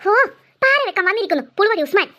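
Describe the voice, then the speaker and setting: A woman's voice: extremely high pitch, expressive, rapid-fire, pushed and bright, full character voice. A woman voicing a sulky, sly young girl in a cartoon who pretends to be ill and whines at her mother. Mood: whiny. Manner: whiny, sulky.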